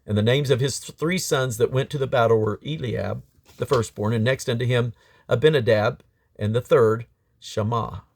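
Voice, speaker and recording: A man reads scripture aloud from the King James Bible in a declamatory style, in short phrases with occasional small stumbles. His mid-range voice is creaky, slightly rough and darkish, at normal speed, with no room sound.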